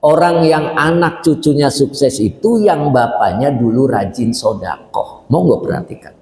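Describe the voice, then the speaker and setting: Lively preacher in an echoey hall. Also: male voice, medium pitch, measured pace. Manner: lively storytelling, addresses listeners as Bapak and Ibu. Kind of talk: sermon. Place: mosque or hall gathering. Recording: roomy hall echo.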